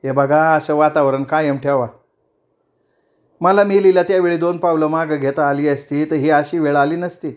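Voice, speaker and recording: A man voicing a sharp-tongued middle-aged woman friend in a storybook reading, with a teasing, scolding manner. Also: on the high side, steady tone, normal speed, close to an everyday voice. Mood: tearful.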